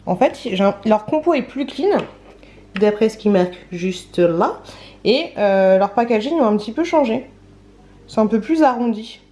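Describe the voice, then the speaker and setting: A chatty, playful young woman vlogs casually at home, indoors and outdoors, with lots of fillers and asides to her viewers. Her voice is fairly high and dark-toned, animated, at a moderate pace.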